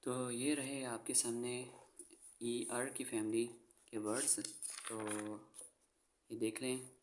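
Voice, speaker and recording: A man's voice: mid-range voice, flat delivery, slow pace, slight background noise. A male teacher giving a phonics lesson, spelling words out letter by letter and patiently repeating each word twice. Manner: frequent "theek hai" check-ins to the viewer. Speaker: English teacher.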